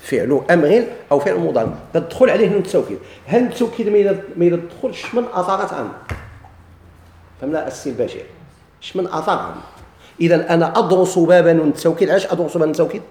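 Fast-talking Moroccan teacher in an echoey room. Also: male voice, on the high side, animated, a little mellow. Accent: Moroccan Arabic. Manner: poses rhetorical questions and answers them himself. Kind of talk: grammar lesson.

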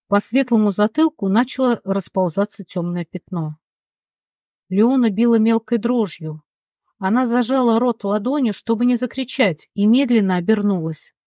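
Steady, dramatic audiobook narrator. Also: mid-range voice, no echo. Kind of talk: scripted fantasy novel narration. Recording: dull dry recording.

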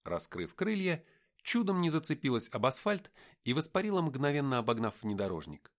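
A man narrating an audiobook in an expressive storytelling way. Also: mid-range voice, moderate pace. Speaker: audiobook reader.

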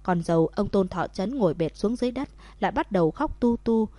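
A woman narrating a dramatic audio story in steady storytelling. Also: mid-range voice, a little fast, dry recording.

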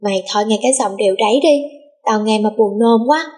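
A woman's voice: mid-range voice, brisk, darkish tone, lightly acted. A woman voicing a cheerful, spoiled young rich girl in an audiobook, bubbly and cutesy. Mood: teasing. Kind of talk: audiobook character voice.

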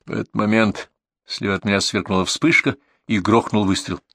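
Male audiobook narrator, gravelly, tense storytelling, dry close booth. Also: fairly low pitch, steady tone, brisk, sharp tone, no room sound. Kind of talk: first-person audiobook narration.

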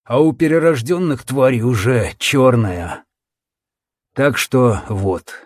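A man voicing a tired, grave older healer who speaks slowly and calmly. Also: dry recording, studio quality. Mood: weary. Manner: slow, low, tired murmur. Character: weary older male healer, calm and grave.

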